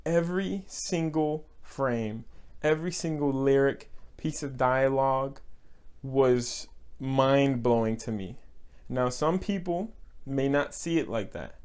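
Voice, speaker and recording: A young Texan man gives a casual movie review that's earnest and emotional, repeating words for emphasis and breaking into short laughs now and then. His medium-pitched voice is smooth and a little mellow, and he speaks slowly.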